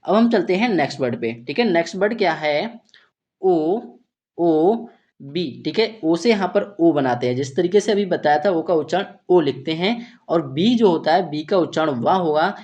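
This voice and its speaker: A man teaching English reading in Hindi, explaining letter sounds slowly and patiently, often asking himself questions and answering them. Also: fairly high pitch, animated, darkish tone, dull audio. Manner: repeats "theek hai" and asks himself questions; slow, patient, step-by-step explaining. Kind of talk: Hindi-language phonics lesson.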